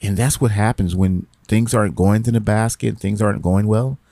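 Middle-aged guy podcasting, low gravelly voice, rambly and encouraging, keeps repeating himself. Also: steady tone, normal speed, warm tone, dry recording. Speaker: podcast host. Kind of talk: casual motivational talk.

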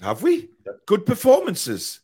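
Hoarse, raspy man hosting a football debate. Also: very high voice, huge pitch swings, slow pace, mellow. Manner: raising the voice to get sound out. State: hoarse, strained voice from a worn-out throat. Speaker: host of a football fan debate show. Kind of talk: live panel debate.

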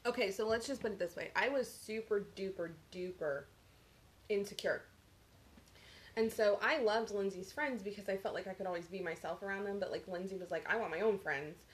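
Animated woman podcast co-host. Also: medium pitch, fairly quick. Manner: animated storytelling, acts out quotes. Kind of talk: casual chat.

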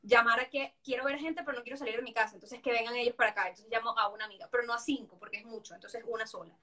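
High-voiced woman host, earnest and personal. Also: steady tone, rapid-fire. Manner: earnest, personal, thanks the guest warmly. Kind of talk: conversational interview, sharing personal experience.

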